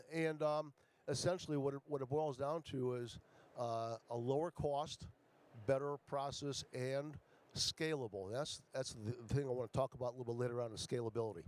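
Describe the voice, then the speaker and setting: Speaking haltingly, an Ecuadorian startup founder delivers a conference pitch full of fillers and restarts. His voice has a slightly mellow quality.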